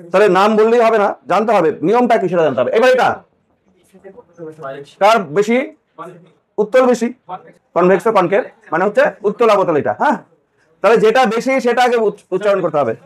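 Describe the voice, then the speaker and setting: A man teaching physics in a classroom lecture, asking the students questions and repeating key points. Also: sits high.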